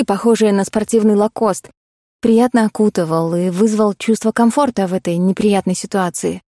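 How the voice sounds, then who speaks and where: A woman narrating a first-person romance novel in an expressive, dramatic reading. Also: mid-range voice, no echo, studio quality. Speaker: audiobook narrator.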